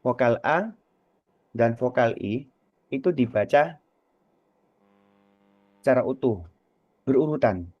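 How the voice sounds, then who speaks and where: A man teaching Quran recitation on a radio lesson, slow and patient, repeating words to demonstrate, his voice trailing off softly at the ends of phrases. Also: medium pitch, expressive, no echo, highs cut off.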